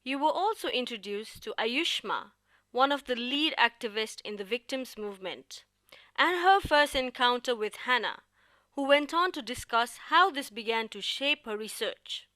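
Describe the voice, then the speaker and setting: A woman from Nepal co-hosting a podcast, giving measured, scripted narration. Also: fairly high pitch, animated, bright, forceful tone, no room sound. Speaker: podcast co-host.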